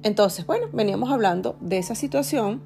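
A woman's voice: medium pitch, lively intonation, brisk, gravelly, warm tone, faint music behind. A woman podcast host, telling a story in a chatty, confiding way and speaking straight to her listeners. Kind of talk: casual storytelling.

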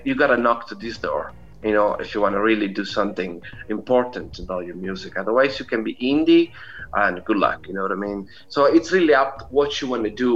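Interviewed as a guest, a middle-aged indie musician from Italy speaks casually with an Italian accent, rambling and peppering his talk with "you know." The voice is on the low side and the sound is lo-fi.

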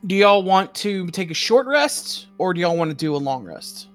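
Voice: medium pitch, sing-song, moderate pace, soft background music. A player in a tabletop game, talking in an easygoing, agreeable way that trails off. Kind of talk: casual tabletop game chat.

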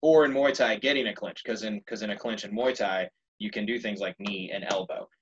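A young man telling a story in casual conversation, animated and laughing often. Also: lowish voice, fairly quick, lo-fi sound, a little hiss or hum.

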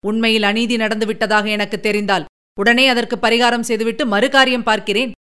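A woman voicing a calm, patient emperor speaking gently to his daughter. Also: a little high, brisk, smooth, natural voice. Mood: reassuring. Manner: gentle, soothing, reasoning.

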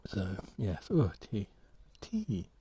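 Brief: low-pitched man, relaxed vlog chatter, halting and rambling, trails off mid-thought. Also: a little hiss or hum. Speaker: walking vlogger and artist. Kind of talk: casual rambling monologue.

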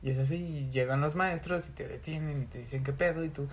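A man's voice: fairly high pitch, fairly quick. A young man with a Mexican Spanish accent, a podcast co-host talking in a casual, slangy way and swearing often. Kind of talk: casual chat.

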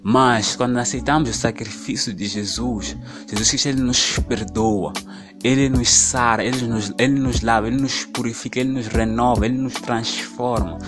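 A man preaching a casual podcast sermon, stacking short repeated phrases and slowing right down to lead a prayer. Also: medium pitch, fairly even intonation, music in the background.

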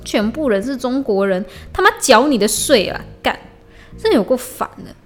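A woman's voice: fairly high pitch, animated, normal speed, soft background music. A woman hosting a solo podcast, talking in a heated, blunt, profane way and slipping in English slang. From Malaysia. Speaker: podcast host. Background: faint lo-fi hip-hop beat.

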